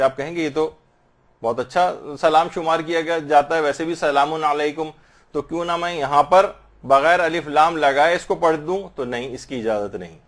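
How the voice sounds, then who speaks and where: Man slowly teaching prayer pronunciation. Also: a little high. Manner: patient, explanatory, slowly demonstrates Arabic pronunciation. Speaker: religious teacher. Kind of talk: religious instruction on prayer recitation.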